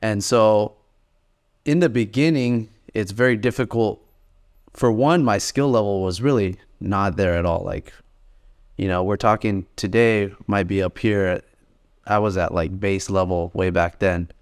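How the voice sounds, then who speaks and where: A man in his late twenties, with a lowish voice and a measured pace, co-hosts a podcast and tells his story in a relaxed, rambling way. The talk is casual podcast chat.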